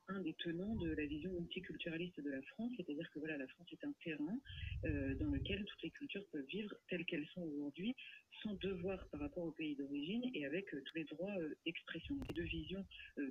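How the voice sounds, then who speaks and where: A woman's voice: fairly low pitch, highs cut off, slight background noise. A woman political commentator arguing her point on radio, with many hesitations. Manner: fast, argumentative, frequent hesitations.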